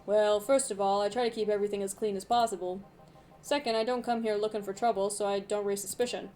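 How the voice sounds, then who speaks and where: A woman voicing a polite, calm male assassin in a story game, speaking low and measured. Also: faint music behind, natural voice, rough recording.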